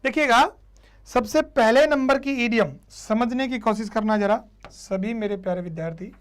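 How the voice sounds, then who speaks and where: A man's voice: extremely high pitch, normal speed, clear, resonant tone. A man teaching a live online class, who keeps repeating points and quizzing his students. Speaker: English teacher.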